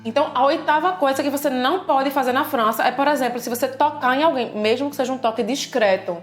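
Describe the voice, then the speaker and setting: Brazilian woman co-hosting a lesson, higher voice, echoey room with faint music. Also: fast. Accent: Brazilian Portuguese. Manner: lively, explains patiently with examples. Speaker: language teacher and co-host. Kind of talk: casual explanatory video lesson.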